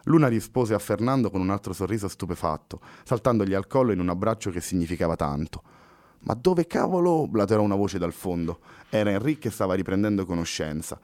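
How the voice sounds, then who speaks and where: A man narrating a novel in a steady, measured audiobook reading. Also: deep voice, no room sound.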